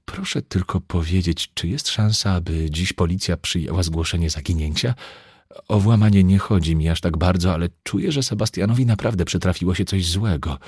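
Worried young woman, subdued and low, read in a male narrator's own husky voice for an audiobook. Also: a little fast, a little mellow, no room sound, clean studio sound. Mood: pensive. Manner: subdued and reluctant.

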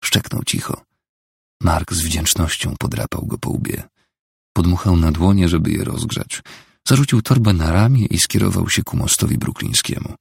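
A male audiobook narrator reading a novel in a steady, measured way. His voice is low, gravelly and very husky. The recording is close and dry. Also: dry recording.

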